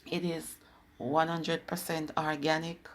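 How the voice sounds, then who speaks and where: Jamaican woman, cooking vlog host, chatty instructive delivery, deep voice, faint room ambience behind. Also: little pitch movement, slow, slight background noise. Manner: chatty, instructive, slips into patois. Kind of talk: casual cooking video narration.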